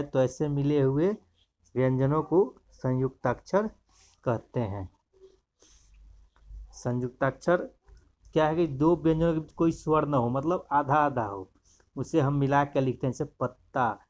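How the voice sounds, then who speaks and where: A man's voice: medium pitch, a little mellow, dull audio. A man teaching a grammar lesson, explaining step by step and pointing to examples as he goes.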